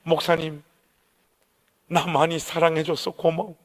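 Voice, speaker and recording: A humble, devoted security guard speaks plainly and with affection, as a preacher acts him out. His voice sits lower and quieter than the preacher's own. It echoes through a large church hall. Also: level tone, unhurried, natural voice. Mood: tender.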